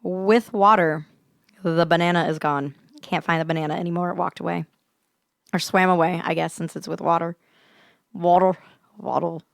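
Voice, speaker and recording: A young woman co-hosts a whiskey podcast, chatting casually and reviewing whiskey in a lowish, gravelly voice with fairly even intonation and a slightly fast pace. She's blunt and teasing and laughs often. The clean studio sound has no room sound.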